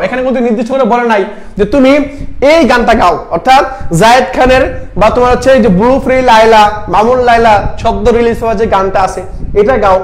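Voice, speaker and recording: A man, tutoring students for an admission exam in a casual lesson. He keeps quizzing them and repeating the answers. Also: extremely high pitch. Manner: sings short song lines to make a point.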